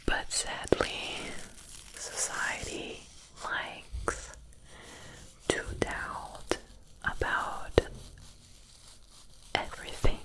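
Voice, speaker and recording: A woman whispering softly and very close into a binaural mic in an ASMR talk, with deliberate pauses. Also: rough recording. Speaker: ASMR creator. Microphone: close binaural microphone, ear to ear.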